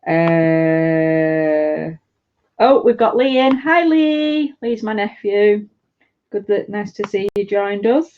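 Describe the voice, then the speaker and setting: A woman's voice: mid-range voice, animated, slow. A woman from England co-hosting a casual live stream, giggly and easygoing. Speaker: co-host. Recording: dull lo-fi stream audio.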